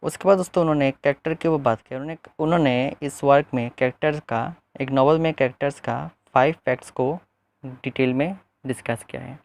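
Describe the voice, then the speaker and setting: A man's voice: medium pitch, a little fast, gravelly, a little mellow. A man teaching literature to online viewers, addressing them as friends and repeating points with hesitant fillers. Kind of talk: explaining a book to viewers.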